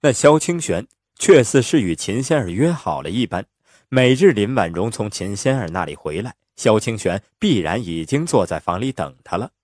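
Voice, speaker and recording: Lively low-voiced male audiobook narrator. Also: normal speed, no room sound, clean studio sound. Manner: expressive, lively storytelling. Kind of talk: storybook narration.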